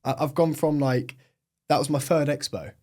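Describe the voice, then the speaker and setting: A young Englishman's slightly high, mellow voice moves at normal speed with fairly even intonation as he chats on a podcast. The British agency owner talks casually, dropping "like" and "um" often.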